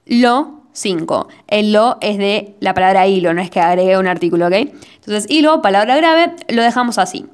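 A woman with an Argentine Spanish accent talks through poetic meter in a relaxed podcast voice of middle pitch. She is playful and self-mocking, slowing right down to count out each syllable. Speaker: podcast host. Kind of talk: casual teaching podcast.

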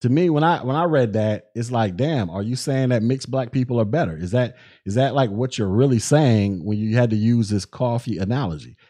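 A young man hosting a solo podcast, talking in animated, slang-heavy commentary full of restarts and repeated words. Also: mid-range voice, a little fast, hardly any pauses, slightly rough. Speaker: podcast host.

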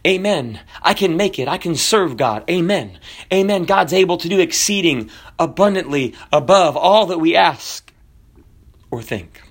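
A man born in Kenya preaching a sermon, fervent, building to near shouts and then dropping low and soft. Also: animated, measured pace.

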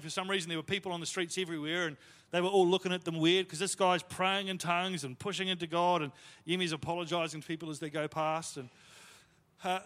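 Preaching through stories, this pastor keeps things casual, pokes fun at himself, and uses many fillers. His high-pitched voice has a sharp tone and echoes with long hall reverb.

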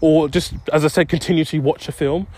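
A man's voice: a little high, steady tone, fairly quick, darkish tone. A young man rambling through a casual solo podcast while out walking, distracted and self-deprecating. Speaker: podcast host. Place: outdoors on a street.

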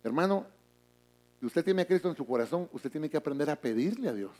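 A middle-aged man, a pastor, preaching a sermon in a church, moving from booming emphasis to hushed asides. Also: animated, brisk.

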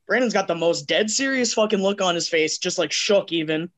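A man's voice: sits high, a little fast, fairly bright tone. A man co-hosting a casual drinking podcast, telling a rambling profane story full of fillers. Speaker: podcast co-host.

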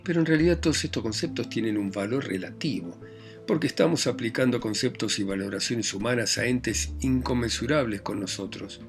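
A man reading a novel aloud in a grave, measured first-person narration with an Argentine Spanish accent. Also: mid-range voice, faint music behind. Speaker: audiobook narrator. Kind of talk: scripted literary narration.

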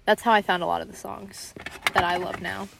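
A woman's voice: mid-range voice, level tone, a little fast, creaky, noisy background. A young woman hosting a podcast, upbeat and chatty as she steers the conversation. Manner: upbeat, wraps things up. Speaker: podcast host. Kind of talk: casual chat.

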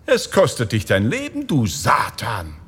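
A man voicing a cunning, scolding wife in a folk tale, in a high, shrill, mocking voice. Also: huge pitch swings, unhurried, fairly bright tone, breathy edge, heavily acted.

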